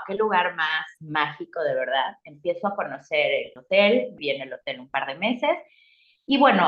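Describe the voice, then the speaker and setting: Animated Mexican woman telling her story. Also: lowish voice. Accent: Mexican Spanish. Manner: animated, acts out her own past reactions. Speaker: guest. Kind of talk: casual storytelling interview. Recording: roomy, slightly dull sound.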